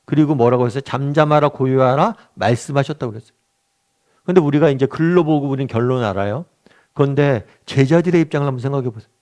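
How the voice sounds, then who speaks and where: A man's voice: mid-range voice, fast, mellow. A middle-aged male pastor leading a weekly Bible study, talking conversationally, asking the group questions and acting out quotes. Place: church meeting room.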